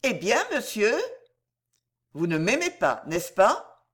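A woman's voice: medium pitch, sing-song, slow pace, slightly rough, full character voice. A woman reading aloud and voicing a witty young woman who teases and laughs easily, in a storybook reading. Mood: teasing. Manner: playful, mocking, bright.

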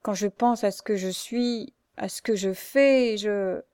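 A woman voicing a meek, mistreated blind young woman who pleads softly and slowly through tears. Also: medium pitch, clean tone, dry recording, studio quality, natural voice. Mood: tearful. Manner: soft, slow pleading. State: sobbing, tearful. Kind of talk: audiobook character reading.

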